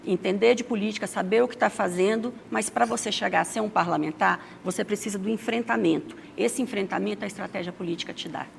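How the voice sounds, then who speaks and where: A woman's voice: mid-range voice, fast talker, creaky, hardly any pauses, a little hiss or hum. A Brazilian woman political strategist, a guest on a talk show, who gives emphatic advice and punctuates her points with "tá?". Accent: Brazilian Portuguese. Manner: emphatic, advising, ends points with "tá?". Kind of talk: studio talk show interview.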